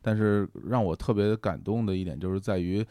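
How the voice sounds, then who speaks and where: A man's voice: fairly low pitch, fairly quick, warm tone, no room sound. A man co-hosting a podcast, musing earnestly aloud and restarting his thoughts. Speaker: podcast co-host. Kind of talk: casual podcast chat.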